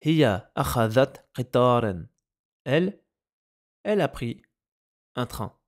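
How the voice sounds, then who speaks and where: A man teaching a lesson, speaking slowly and deliberately and repeating each example word. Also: mid-range voice, sing-song. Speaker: Arabic language teacher. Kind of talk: explaining Arabic grammar in French.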